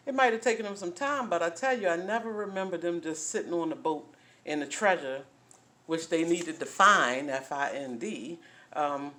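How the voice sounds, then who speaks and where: Fifty-something woman, chatty folksy talk, keeps saying right. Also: lowish voice. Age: 50s. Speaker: host. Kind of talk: casual talk on relationships.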